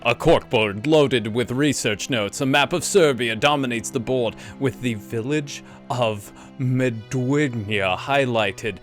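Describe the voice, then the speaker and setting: A man's voice: medium pitch, takes it slowly, hardly any pauses. A man doing horror game playthrough commentary, bantering and reading in-game text aloud with playful theatricality. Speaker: video game streamer. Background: game music.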